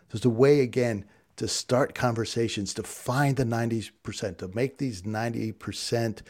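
A man's voice: fairly low pitch, gravelly, dark tone. A man hosting a podcast, talking solo in a fired-up, preachy way that rallies listeners to say lines back with him. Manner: preachy call-and-response rallying. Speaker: podcast host.

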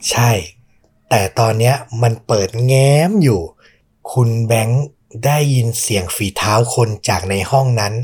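A man's voice: mid-range voice, unhurried, darkish tone, slightly rough. A man hosting a podcast, telling a true ghost story in a suspenseful, conversational way. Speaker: podcast host.

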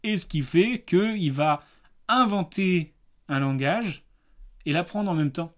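A man's voice: sits high, expressive, takes it slowly. A man hosting a casual film review podcast, in plain everyday speech. He talks in a loose, chatty way, stumbling through hesitations and fillers. He runs little quiz games with a playful, teasing edge. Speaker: podcast host.

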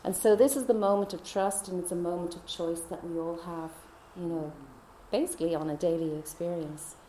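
A woman tells a personal faith testimony in a chatty, easy way, laughing often and dropping to soft whispers. Her voice sits a little low and sounds warm and mellow. The room around her is echoey. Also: fairly even intonation, fairly quick, slight background noise. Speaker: speaker.

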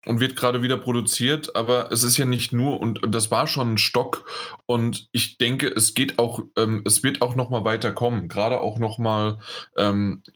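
Husky-voiced man chatting casually. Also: medium pitch, steady tone, normal speed, a bit bright. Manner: rambling, many fillers and restarts. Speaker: podcast co-host. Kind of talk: casual chat.

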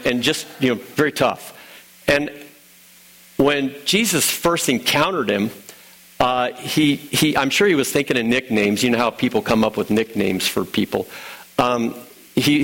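Man, middle-aged pastor, gravelly, relaxed conversational sermon delivery with restarts. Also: mid-range voice, rough recording. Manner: conversational storytelling with fillers and restarts.

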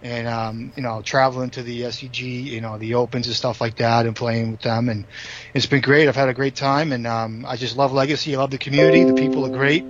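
A man with a thick Boston accent chatting casually as a podcast guest, friendly, enthusiastic and quick to agree. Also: mid-range voice, steady tone, faint music behind. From Massachusetts North Shore. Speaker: podcast guest, card game player. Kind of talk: casual chat. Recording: dull lo-fi podcast audio.

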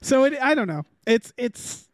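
A man's voice: very high voice, sing-song, normal speed, no room sound, clean studio sound. A man on a podcast, thinking aloud hesitantly in casual chat. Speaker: podcast panelist.

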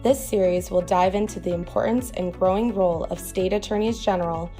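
A woman reading a scripted podcast introduction in a measured, promotional way. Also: fairly low pitch, warm tone, soft background music. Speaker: announcer.

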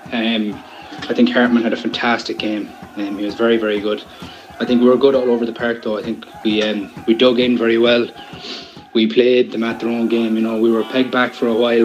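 A man's voice: lowish voice, rough recording. An Irish-accented man gives a rambling, informal match review as a football supporter, often repeating his phrases.

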